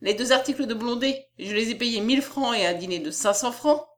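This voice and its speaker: Brief: a woman putting on a pompous, bossy male publisher, condescending and loud, storybook reading. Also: a little high, fairly quick, voice pushed up, lightly acted. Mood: boastful. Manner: boastful, condescending. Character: pompous fat middle-aged male publisher, domineering.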